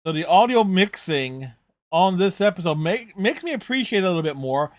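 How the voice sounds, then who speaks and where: A man's voice: sits high, animated, brisk, no room sound. A man hosting a reaction video, giving casual, rambling, conversational running commentary on a TV show.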